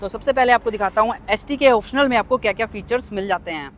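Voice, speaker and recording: A man walking around parked cars outdoors, listing their features one by one in a brisk review. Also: high-pitched, a bit bright, slight background noise. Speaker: car reviewer. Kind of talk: car walkaround review.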